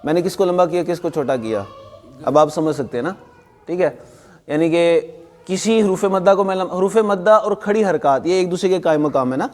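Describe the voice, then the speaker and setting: A male recitation teacher lectures his students in a firm, emphatic way, stopping to quiz them. His voice sits a little high for a man. The sound rings with a long hall reverb. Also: a little mellow. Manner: firm, emphatic, quizzes the class. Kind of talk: classroom lesson to students. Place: classroom with students.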